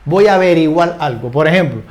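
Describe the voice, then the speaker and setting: An older man giving a relaxed English lesson, often ending phrases with little tag questions and repeating words as he searches for the next one. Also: on the high side, brisk. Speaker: English teacher. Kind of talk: casual spoken grammar lesson.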